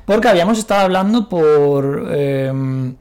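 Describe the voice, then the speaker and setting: A young man from Spain with a Spanish accent, telling an animated anecdote as a guest in a casual chat, acting out the voices of the people he quotes and swearing casually. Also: on the high side, measured pace, smooth.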